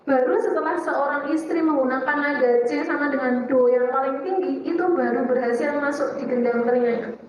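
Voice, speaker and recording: A woman's voice: sits high, fairly quick. Woman ustadzah w javanese-tinged indonesian, playful q-and-a teaching, far from the mic, kinda dull sound. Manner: lively, asks and answers her own questions, playful. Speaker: Islamic teacher and psychologist. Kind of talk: religious study talk to women. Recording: echoey hall, distant dull mic.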